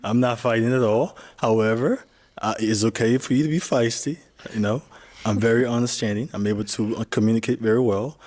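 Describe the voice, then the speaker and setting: Guy in his 30s, polite and formal, talks fast. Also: medium pitch, steady tone, darkish tone. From Liberia. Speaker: dating show contestant. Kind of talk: casual chat.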